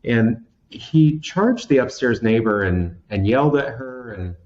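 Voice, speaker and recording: In an expressive, mid-range voice with a darkish tone, a man in his thirties from Washington State, USA, speaks a little slowly as an interview guest, candidly telling a personal story in a theatrical, self-mocking manner full of restarts. The audio is dull.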